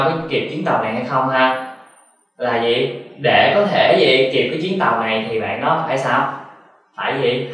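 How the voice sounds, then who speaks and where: Male teacher, mid pitch, asks questions and answers them himself, recorded far off in a very echoey room. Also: fairly bright tone. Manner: slow, drilled repetition of example sentences. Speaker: Japanese teacher. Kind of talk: language lesson.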